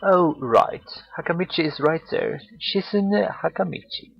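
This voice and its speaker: A man's voice: high-pitched, measured pace, vocal fry, slightly rough, highs cut off, pitched above the performer's own voice, exaggerated voice. A man doing a friendly male homeroom teacher.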